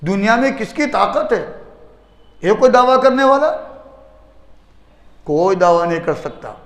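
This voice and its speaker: A man's voice: sits high, expressive, fairly bright tone. A man giving a Friday sermon as a mufti in a mosque, driving points home with rhetorical questions and repeated phrases. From India. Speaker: mufti preacher. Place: mosque hall. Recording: echoey mosque hall reverb.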